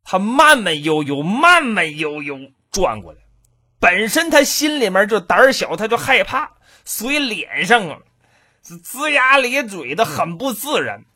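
A male storyteller spins a traditional comic tale with a high, bright voice. He delivers it in a lively, rhythmic, dramatic way, and his tone is husky at the edges. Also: a little slow.

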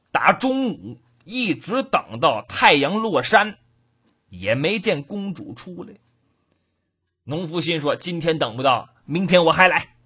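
Woman storyteller, husky, wide lively pitch, punchy delivery. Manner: animated, colloquial, punchy. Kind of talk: traditional oral storytelling.

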